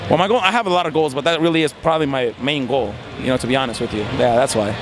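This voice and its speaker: Speaking very fast in a medium-pitched voice, this Mexican man in his twenties answers questions in a relaxed outdoor interview. He's a competitive gamer and law student whose earnest, reflective replies are filled with fillers, over background noise.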